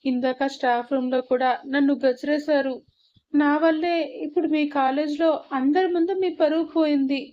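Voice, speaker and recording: A woman's voice: high voice, a little mellow, dull audio, natural voice. A woman voicing a young female student wife who is crying and apologizing through sobs. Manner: sobbing, pleading, apologetic.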